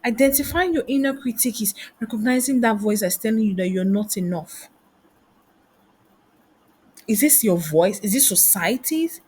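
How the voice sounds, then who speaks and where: Brief: woman career coach, husky and fairly high voice, preachy rhetorical teaching. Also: normal speed, a little mellow. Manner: asks many rhetorical questions. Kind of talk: motivational teaching talk.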